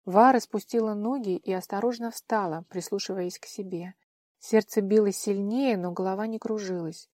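A woman's voice: mid-range voice, no echo, studio quality. Woman reading a fantasy audiobook. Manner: expressive, measured. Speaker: audiobook narrator. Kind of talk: scripted narration.

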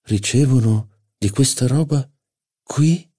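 A man's voice: medium pitch, slow, warm tone, breathy edge, voice pushed up. A man reading an audiobook, voicing a haughty, insolent aristocratic duchess with a drawling, incredulous, mocking manner. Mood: disdainful. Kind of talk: audiobook character voice.

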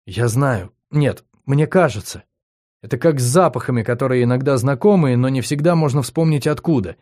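A man's voice: medium pitch, normal speed, darkish tone, voice pushed up, close to an everyday voice. A man voicing a stubborn fragile young woman. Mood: frightened, pleading.

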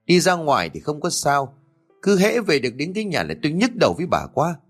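A man's voice: on the high side, wildly swooping pitch, brisk, faint music behind, voice pushed up. A man voicing an exasperated older husband who grumbles at his wife, in an audio story.

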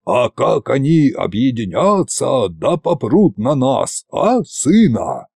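An eccentric old tsar with a gloomy streak, musing aloud at an unhurried pace in a darkened, mellow tone; a man acts him out. His pitch rises and falls with lively swings. The recording is close and dry. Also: creaky, slightly rough, no room sound, full character voice. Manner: slow, musing.

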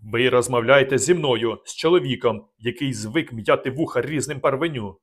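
A man's voice: a little high, lively intonation, brisk, a bit bright. A man reading an audiobook, voicing an arrogant quarrelsome nobleman who speaks through his teeth. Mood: haughty. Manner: haughty, hissing.

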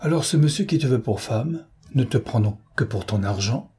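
A man reading a storybook, voicing a vain, languid young rich woman in an affected, weary, condescending manner with a husky voice. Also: mid-range voice, animated, normal speed, a little mellow.

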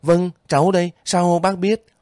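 A man's voice: fairly low pitch, expressive, moderate pace, a little mellow, no room sound, studio quality, close to an everyday voice. A man voicing a young soldier on leave who pleads and questions anxiously in a spoken story. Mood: polite. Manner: anxious, breaking voice.

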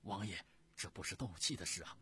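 A man voicing an anxious princess consort who pleads urgently with her husband in a high voice. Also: a little fast, sharp tone, a little hiss or hum. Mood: pleading.

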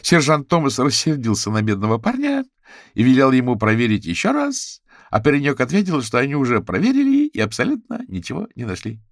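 A man's voice: mid-range voice, huge pitch swings, brisk, no echo, clean studio sound, pitched above the performer's own voice. A man voicing a flamboyant, chatty rich socialite woman in an audiobook, in a gushing, theatrical way. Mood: gossipy.

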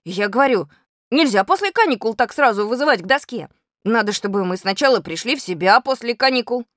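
A woman voicing a loud, lazy schoolboy who shouts and pleads to his class. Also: a little high, animated, fairly quick, no room sound, studio quality. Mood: shouting.

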